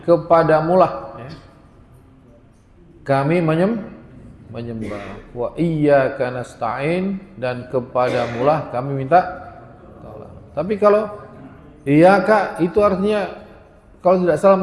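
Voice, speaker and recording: A man's voice: a little high, darkish tone. A man, teaching a religious lesson on Quran recitation and chanting Arabic verses, often tagging his sentences with "ya". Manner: chants Arabic verses, then explains with frequent "ya". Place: prayer room. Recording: echoey prayer hall.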